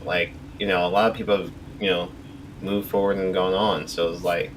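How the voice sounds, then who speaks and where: A man's voice: deep voice, flat delivery, a little fast. A man co-hosting a casual podcast, sharing news in an easygoing way with loose, filler-heavy phrasing. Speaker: podcast co-host. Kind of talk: casual chat, reading news. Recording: distant mic with clear background noise.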